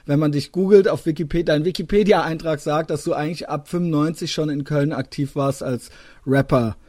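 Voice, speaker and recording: A man's voice: a little high, a little fast, darkish tone, no echo, studio quality. A man in his thirties from western Germany hosting a casual podcast chat, talking in a hesitant way with lots of filler sounds. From Koblenz, Germany. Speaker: podcast host.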